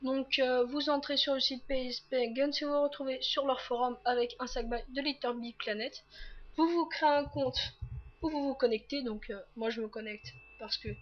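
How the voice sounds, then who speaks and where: A woman with a high voice hosting a laid-back tech tutorial. She walks viewers through every click in a chatty, unpolished way, full of "euh"s and quick apologies as she corrects herself. The sound is a little dull, like a cheap computer mic. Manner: chatty, many fillers and quick self-corrections. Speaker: tutorial host. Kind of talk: casual screen-recorded tech tutorial.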